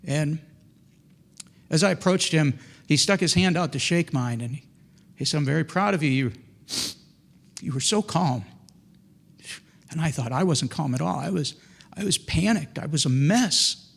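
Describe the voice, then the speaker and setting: A middle-aged man telling a personal faith story in an earnest, halting way, often restarting and repeating words. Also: fairly high pitch, animated, gravelly.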